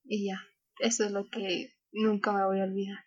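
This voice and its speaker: A woman's voice: medium pitch, completely flat delivery, moderate pace. A young woman, a scout leader and podcast guest, telling a story in a chatty way and acting out the dialogue. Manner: chatty, acts out quoted dialogue, frequent laughs. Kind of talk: casual interview storytelling. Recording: dull, lo-fi sound.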